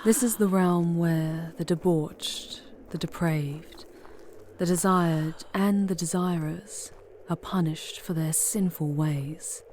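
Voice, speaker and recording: A woman acts as a charming, seductive demon guiding the listener through hell in an intimate, scripted ASMR monologue. Her low, mellow voice stays steady over a slight hiss or hum, delivered very slowly, breathily and theatrically, often as a close-mic whisper. The sultry, musing mood comes with formal, drawn-out phrasing.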